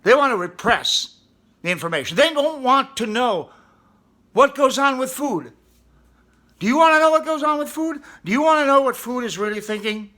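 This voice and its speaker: A man's voice: very high voice, expressive, normal speed, bright, forceful tone. A man hosting a mock-serious comedy talk show in a studio, earnestly questioning food as if it were a guest.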